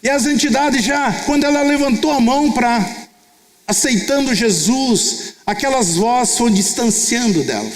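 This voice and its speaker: Male pastor, very high voice, storyteller who acts out the dialogue, roomy hall sound. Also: animated, measured pace, slight background noise. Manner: storytelling, acting out both sides of dialogues. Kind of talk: testimony sermon. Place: conference church hall.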